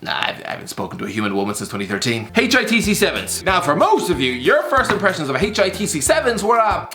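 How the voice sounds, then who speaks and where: A man's voice: sits high, huge pitch swings, quick pace, echoey room, over music. A man with an Irish accent doing sardonic, joking comic football commentary to viewers, with some swearing. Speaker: host of a football YouTube channel.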